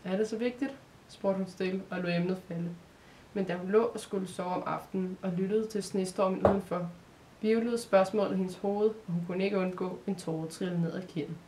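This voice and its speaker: A woman from Denmark narrating an advent storybook in a calm, measured reading voice. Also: medium pitch, noisy background.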